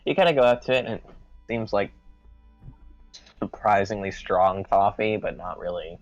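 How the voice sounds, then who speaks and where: Low-voiced man running a game. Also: normal speed, no echo, soft background music. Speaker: game master. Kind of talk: casual tabletop game narration. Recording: dull lo-fi voice audio.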